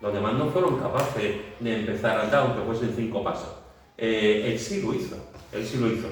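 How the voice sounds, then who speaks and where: A man's voice: lowish voice, a little fast. Man, Bible study teacher, vivid storyteller, lots of fillers, very echoey room, distant mic. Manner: vivid storytelling, acting out scenes with shouts and sound words; many fillers and restarts. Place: church meeting room.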